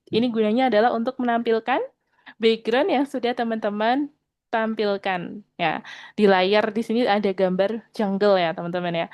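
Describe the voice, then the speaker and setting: A woman teaching an online programming lesson. She speaks patiently, keeps checking in with her students, and slows down when she reads out code. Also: on the high side, a little mellow, no room sound.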